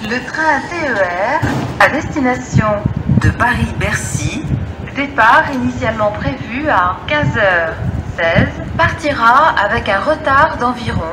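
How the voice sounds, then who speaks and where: A woman's formal, scripted announcement plays over a station PA. Her voice sits a little high and rings around a large echoing hall. Very loud station noise surrounds her. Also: lively intonation, measured pace. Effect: over a station PA loudspeaker. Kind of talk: recorded standard announcement. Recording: echoey station hall, very noisy. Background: loud station ambience and trains.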